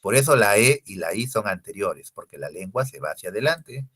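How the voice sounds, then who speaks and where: A man's voice: lowish voice, big pitch swings, a little fast, a bit bright, slight background noise. A man teaching a language lesson, explaining step by step and often checking with rhetorical questions. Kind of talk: recorded lecture.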